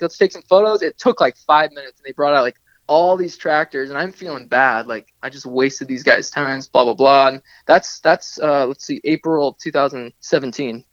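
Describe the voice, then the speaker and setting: A man's voice: on the high side, a bit bright, dry recording, lo-fi sound. A young man from the Pacific Northwest, a documentary photographer, telling a long rambling story as a guest in a casual radio interview. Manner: rambling, chatty storyteller full of restarts and asides.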